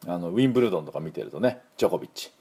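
Middle-aged Japanese male teacher, drills pronunciation slowly, animated pitch, low range. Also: slightly rough. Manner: slow, drilling repetition of words. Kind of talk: pronunciation lesson.

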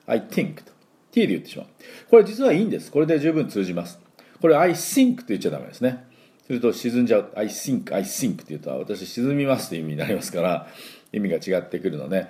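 Deep-voiced chatty male English teacher. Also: warm tone. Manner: chatty and explanatory, with many drawn-out fillers; demonstrates pronunciation slowly for listeners to repeat. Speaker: English teacher and show host. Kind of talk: casual radio-style English lesson.

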